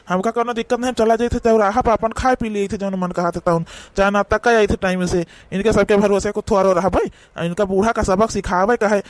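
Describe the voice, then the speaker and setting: Playing a cranky old village father-in-law from a comedy cartoon, a man scolds emphatically and at rambling length in an Awadhi accent. His natural voice is high for a male and recorded close up with no echo.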